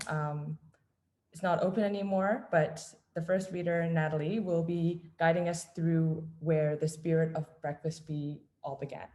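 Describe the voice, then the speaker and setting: A woman from Canada hosting an online reading event, introducing it with many ums and pauses over a video call. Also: low voice, warm tone, a little hiss or hum. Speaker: event host.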